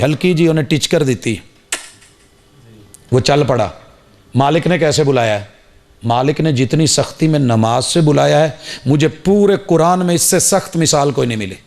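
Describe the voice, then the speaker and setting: A man preaching a sermon, shifting from quiet storytelling to loud shouted calls, full of rhetorical questions and repeated phrases. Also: mid-range voice.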